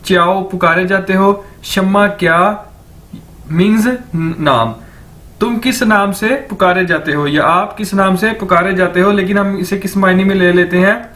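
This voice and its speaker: A man teaching a recorded lecture, saying each word slowly and over and over for learners. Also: sits high, fairly even intonation, fairly bright tone. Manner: repeats words slowly for learners. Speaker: language teacher.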